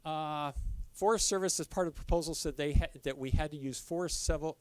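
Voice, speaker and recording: A fairly high-pitched middle-aged man, presenting for a caving club, runs through a casual slide talk in a dim lecture room with no room sound. He's loose and halting, restarting often and using many fillers.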